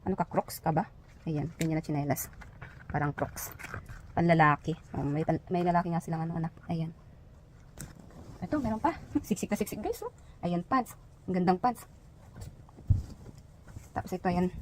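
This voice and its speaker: Speaking in a lowish voice at normal speed, with long pauses, a woman from the Philippines vlogs casually as she shows off items one at a time. She's chatty and uses lots of fillers, and the rough recording has slight background noise.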